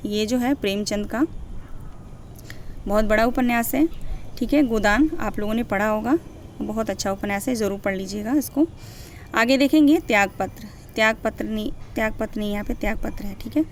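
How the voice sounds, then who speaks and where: A young woman with a medium-pitched voice gives an exam-prep literature lecture, reading long lists of character names and checking in with her students. She corrects herself mid-list, and there's a little hiss or hum.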